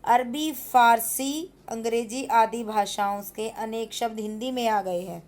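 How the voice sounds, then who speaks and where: A woman's voice: a little high, unhurried, darkish tone. A woman teacher patiently explaining a school grammar exercise, repeating points and asking her pupils questions.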